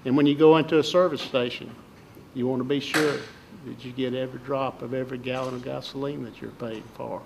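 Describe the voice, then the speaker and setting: An older man from southern Alabama with a Southern Alabama accent, giving folksy, halting interview answers as a political candidate. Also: medium pitch, fairly even intonation, gravelly, noisy background.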